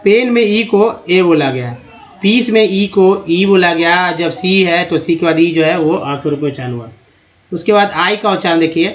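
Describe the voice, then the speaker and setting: Male phonics tutor, slightly high voice, patient drawn-out sounding-out of words, chatty toward viewers. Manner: repeats vowel sounds and addresses viewers as friends. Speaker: English teacher. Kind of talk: Hindi-language phonics lesson.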